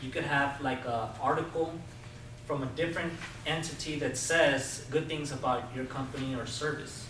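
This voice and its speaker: Speaking at normal speed with a medium pitch and fairly even intonation, a Toastmasters member gives an informal sales pitch to a live group indoors, explaining his case straight to them. A far-off mic picks up heavy room echo and clear noise.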